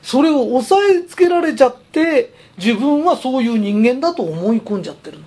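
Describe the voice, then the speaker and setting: A man's voice: extremely high pitch, very animated, normal speed, darkish tone, husky. A man who runs a company, giving a chatty, emphatic motivational talk. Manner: chatty, emphatic, persuasive storytelling. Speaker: company president.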